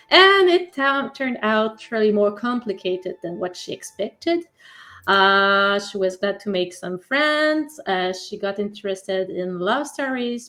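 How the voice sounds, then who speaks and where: A woman, describing her tabletop character in casual chat, halting with frequent uhs and self-corrections. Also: medium pitch, fairly bright tone. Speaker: player. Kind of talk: casual live-stream chat.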